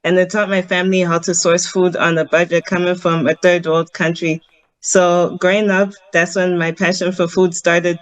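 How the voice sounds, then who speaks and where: A Zimbabwean vegan chef answers interview questions over a video call from her home in Harare. Her voice is on the low side, and the audio is poor with no room sound. She's earnest, explaining things step by step with frequent ums.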